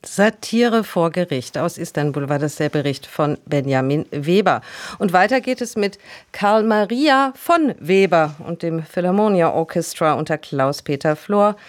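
A radio presenter introducing a report and music on a culture station, in a smooth, even announcing manner. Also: mid-range voice, unhurried, no echo. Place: radio studio.

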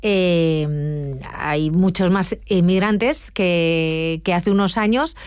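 A woman hosts a radio interview in a smooth, resonant voice, recorded dry and close. She asks questions and affirms her guest, keeping the conversation moving. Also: lowish voice, very slow, darkish tone, no echo. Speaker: radio host.

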